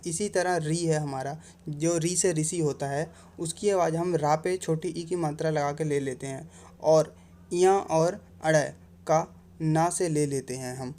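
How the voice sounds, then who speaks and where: A man calmly explaining a lesson step by step, working through examples point by point. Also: fairly high pitch. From India. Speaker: Hindi teacher.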